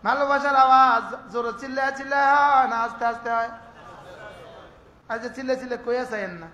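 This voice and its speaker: High-voiced male preacher in an echoey space. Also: steady tone, pushed and bright. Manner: questions the crowd often, slow drawn-out chanting of prayers. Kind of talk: sermon. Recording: echoey with faint ambient noise.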